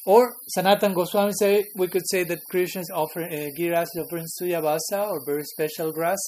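A man's voice: high-pitched, fairly even intonation, quick pace, a little mellow, low-quality recording. A man teaching a scripture class, who chuckles often and keeps checking in with his listeners. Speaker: spiritual teacher.

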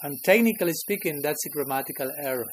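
A man's voice: a little high, lively intonation, quick pace, slight background noise, low-quality recording. A man teaching a scripture class, who chuckles often and keeps checking in with his listeners. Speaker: spiritual teacher.

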